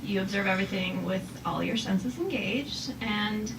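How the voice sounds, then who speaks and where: A woman poet giving an informal reading and talk about haiku, slow and deliberate when she recites verse. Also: medium pitch, recorded from a distance. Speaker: haiku poet presenting her work. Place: live reading before a small audience. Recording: noisy room with clear background noise.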